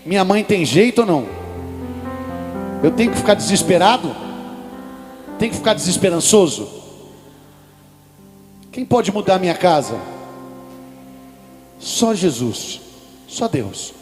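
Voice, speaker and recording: A man's voice: high-pitched, very animated, moderate pace, long pauses. A Brazilian man preaching at a religious event, telling a personal story and speaking directly to the congregation. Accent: Brazilian Portuguese. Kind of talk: sermon. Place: large hall at a religious event. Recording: live hall reverb with music behind.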